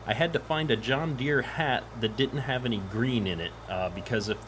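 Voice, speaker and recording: Guy chatting on a game stream, echoey office, average pitch, engine noise in background. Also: normal speed. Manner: easygoing, chatty greetings to viewers. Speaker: live stream host. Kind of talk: casual live game stream chat.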